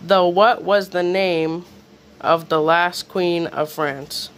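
A quiz reader, off camera in a small room at home, slowly reads questions aloud in a mid-range, slightly bright voice with fairly even intonation, sometimes stumbling. The homemade video has faint background noise.

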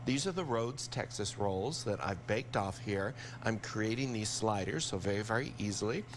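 Older guy chef on a morning show, chatty and excited, lapel mic, hum in the background. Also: on the low side, moderate pace. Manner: upbeat, enthusiastic, chatty. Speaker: TV cooking chef. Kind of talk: live TV cooking demo. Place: studio kitchen set.

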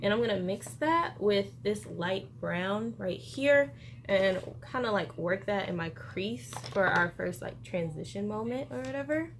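A young woman with a mid-range, expressive voice takes her time as she walks through a makeup tutorial. The beauty vlogger talks informally and slangily in her bedroom, and room noise is noticeable.

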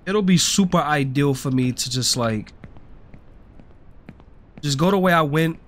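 A man's voice: a little high, measured pace, fairly bright tone. A young man giving casual, slangy gameplay commentary, grumbling in frustration and swearing as he goes. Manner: slangy, swearing, often addressing listeners as bro. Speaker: gaming streamer. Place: indoor streaming setup.

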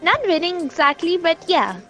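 A woman's voice: extremely high pitch, sing-song, moderate pace, sharp tone, soft background music. A woman hosting a casual quiz chat as quizmaster, mixing Hindi into English. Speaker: podcast host and quizmaster.

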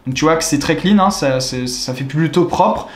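Young French male tutorial host, high voice, chatty salesy delivery, roomy echo. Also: normal speed. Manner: chatty, repeats filler words, upbeat salesy instructions. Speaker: online money-making tutorial host. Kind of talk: screen-recorded tutorial walkthrough. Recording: echoey room.

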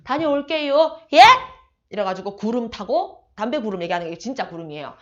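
A woman teacher retelling a classic tale in a casual, slangy, animated lecture. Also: medium pitch, quick pace. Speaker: Korean literature teacher. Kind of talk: casual exam-prep lecture. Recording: slightly muffled audio.

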